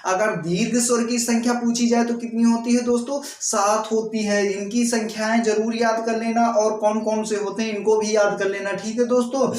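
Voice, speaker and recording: A man's voice: high voice, level tone, moderate pace, few pauses, darkish tone, slight background noise. A man teaching an exam coaching lesson who keeps checking in with his students and draws out sounds to demonstrate them. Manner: keeps repeating "ठीक है दोस्तों", drawing out sounds to demonstrate. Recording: echoey room, off-mic.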